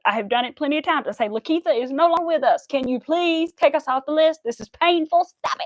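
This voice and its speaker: An American woman in her early 30s chats casually and rambles on a crafting livestream, counting stitches aloud as she crochets. Her voice is high-pitched and fairly quick. The recording is dry and muffled.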